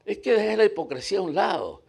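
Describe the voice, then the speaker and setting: A man's voice: high voice, sing-song, quick pace, gravelly, darkish tone, slightly rough. A man preaching a sermon as a story, emphatic, repeating himself and stumbling into restarts.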